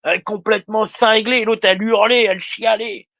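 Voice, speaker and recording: High-voiced gravelly man ranting. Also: fairly even intonation, a little fast, bright, forceful tone. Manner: insulting, repetitive, addresses a rival directly. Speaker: livestreamer. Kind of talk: heated livestream rant.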